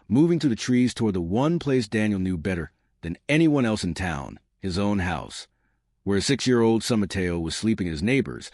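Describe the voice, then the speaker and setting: This man's voice sits on the low side, recorded cleanly in a studio with no room sound. He narrates a scripted, dramatic tale, building suspense and speaking straight to whoever is listening.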